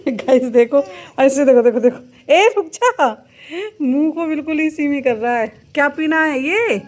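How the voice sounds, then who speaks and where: A woman's voice: high-pitched, animated, unhurried, a little mellow, slight background noise. Chatty young mother vlogging at home. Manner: chatty, coaxing children in a sing-song tone. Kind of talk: casual home vlog chat. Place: outdoors at home in the rain.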